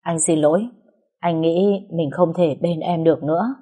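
Woman reading calm young boyfriend, low mellow voice, soft. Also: normal speed, close to an everyday voice. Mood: resolute. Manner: calm, soothing.

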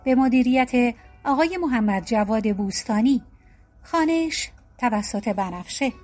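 A woman storyteller reading a folk tale aloud with expressive storybook narration. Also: on the high side, faint music behind.

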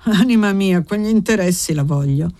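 A woman reading aloud voices a kindly old village aunt who speaks gently and affectionately. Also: on the low side, normal speed, no echo, close to an everyday voice.

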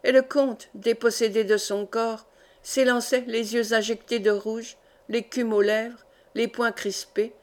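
A woman reading a classic fantasy novel aloud as a measured, even audiobook narration. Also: on the high side. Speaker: audiobook reader.

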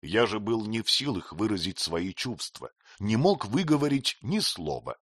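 A man reading a novel aloud in the first person with expressive storytelling. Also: lowish voice, moderate pace, husky, dry recording, clean studio sound. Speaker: narrator. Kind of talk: audiobook reading.

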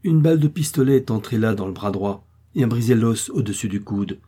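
A man playing a calm, sententious village doctor who explains slowly and deliberately. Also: fairly low pitch, slightly rough. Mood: explaining.

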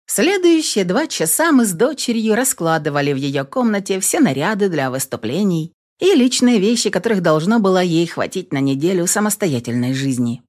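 A woman reading a first-person novel aloud in expressive, lively storytelling style. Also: lowish voice, moderate pace, hardly any pauses. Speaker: audiobook narrator. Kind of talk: scripted first-person audiobook narration.

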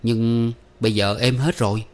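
A man voicing a young adult son who argues defensively with his mother, sheepish but quick to anger. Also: mid-range voice, fairly even intonation, a little mellow, lightly acted. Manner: pleading, defensive.

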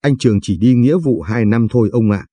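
A man's voice: mid-range voice, a little fast, mellow, husky, dry recording, natural voice. A man voicing a young woman, a new doctor and devoted granddaughter who pleads affectionately with her grandfather. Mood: gentle.

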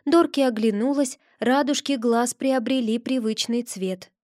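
A woman narrating a first-person fantasy audiobook in a lively, expressive storytelling way. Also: a little high, measured pace, dry recording, clean studio sound.

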